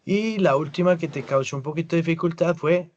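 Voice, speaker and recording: A man's voice: fairly high pitch, a little mellow, muffled recording. Man teaching English online. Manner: explains patiently, models English phrases slowly. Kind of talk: online class feedback. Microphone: video call.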